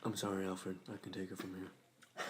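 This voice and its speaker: A man doing a half robot voice, playing a flat, expressionless male cyborg superhero as an impression in casual chat. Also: low-pitched, moderate pace, slight background noise, pitched below the performer's own voice. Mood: deadpan robotic. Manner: monotone, no expression.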